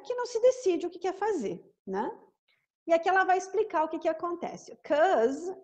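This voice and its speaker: A woman teaching English through a song, explaining in Portuguese and slowly repeating English words and lyrics. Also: sits high. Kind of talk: song-based English lesson.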